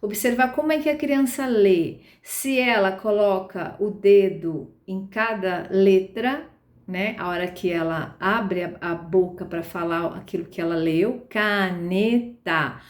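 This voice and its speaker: A woman lectures on early literacy, explaining each step patiently and often checking in with her listeners. Her voice sits at an ordinary pitch. The recording carries a noticeable room echo. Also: measured pace, darkish tone. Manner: patient, explains step by step, frequent tag questions. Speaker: literacy teacher trainer.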